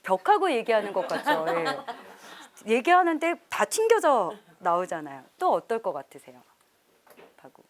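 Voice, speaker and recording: A middle-aged woman professor giving a lively parenting lecture to a live audience, often laughing and acting out parents' lines. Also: on the high side, unhurried. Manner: animated, laughs often, acts out quoted parents. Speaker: professor leading a parenting seminar.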